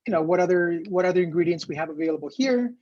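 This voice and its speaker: This man, an Ecuador-raised cooking instructor, speaks fast and animatedly in a high, slightly mellow voice. He teaches online over a video call in a loose, filler-heavy ramble, with no room sound but dull, lo-fi call quality.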